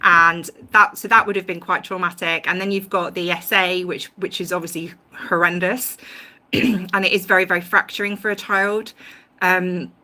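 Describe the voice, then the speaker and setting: A woman's voice: fairly low pitch, fairly even intonation, moderate pace, sharp tone. A woman hosting a casual livestream, talking through her views at length with many ums and restarts. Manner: rambling, many ums and restarts, self-aware about tangents. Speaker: YouTube livestream host. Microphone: home livestream mic.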